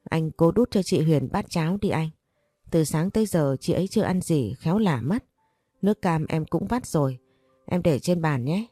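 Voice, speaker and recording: A tearful, caring young woman apologises and pleads in a low, warm voice, as a woman narrator reads her. The recording is dry and close. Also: lively intonation, normal speed, slightly rough, no echo, faint music behind.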